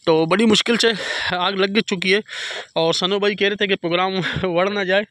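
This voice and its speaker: A Pakistani fishing vlogger with a Karachi Urdu accent films a night fishing trip on the beach, chatting to viewers on a handheld phone beside a campfire. His fairly bright voice sits high, steady and at normal speed, and he keeps addressing friends and dropping pious interjections, all in a dry, studio-quality recording.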